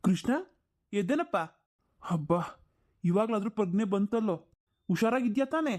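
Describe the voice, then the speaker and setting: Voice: medium pitch, animated, normal speed, a little mellow, natural voice. A performer doing a whiny, lazy grown son. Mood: stern. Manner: whiny, complaining. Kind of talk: cartoon voice acting.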